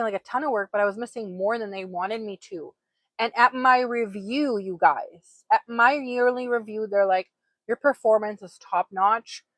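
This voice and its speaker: Woman from Poland, 40s, earnest chatty livestream host, slightly high voice, dry sound. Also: fairly bright tone, no echo. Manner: chatty, earnest, addresses viewers directly. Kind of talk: casual motivational livestream talk. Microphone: own microphone.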